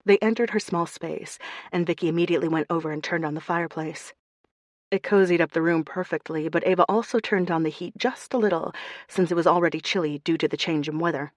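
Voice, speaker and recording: A woman narrating a cozy mystery audiobook in an even, measured way. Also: lowish voice, dry recording, clean studio sound. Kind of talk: scripted narration.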